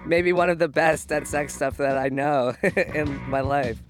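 A man's voice: a little high, steady tone, a little slow, faint music behind. A man with an electronically disguised voice, chatting casually and teasingly as an interview guest. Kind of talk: casual chat.

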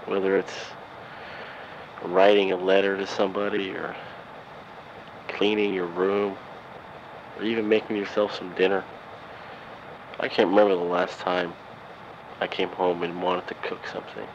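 A man's voice: low-pitched, level tone, unhurried, long pauses. A man keeping a personal audio diary on a dictaphone tape recorder, talking in a weary, sighing, rambling way. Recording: lo-fi tape recorder with background noise.

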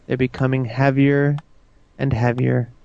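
Slow soothing male hypnotist. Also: mid-range voice, little pitch movement, vocal fry, darkish tone, no echo, highs cut off. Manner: slow, soothing, repetitive suggestions. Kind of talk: guided hypnosis induction.

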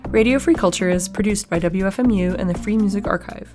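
A woman host with a gravelly voice reading scripted credits for a radio show. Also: mid-range voice, quick pace. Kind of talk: scripted announcement. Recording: radio with music behind.

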